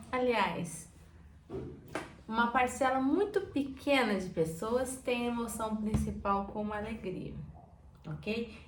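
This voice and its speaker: A woman with a high voice and a Brazilian Portuguese accent coaches viewers about their emotions in an informal talk to camera. She's animated, addresses viewers directly, and acts out everyday examples, in an echoey room with faint background noise.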